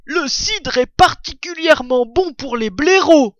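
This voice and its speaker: A woman's voice: high voice, expressive, unhurried, no room sound, pitched above the performer's own voice. A woman voicing a jolly, hearty male badger who exclaims with delight. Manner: exclamatory, enthusiastic. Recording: dull, dry recording.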